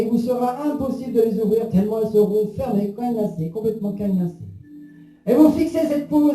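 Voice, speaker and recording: Soothing high-pitched male hypnotist, very mellow. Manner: soothing, repetitive hypnotic counting and suggestion. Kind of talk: guided hypnosis session. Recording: roomy echo under music.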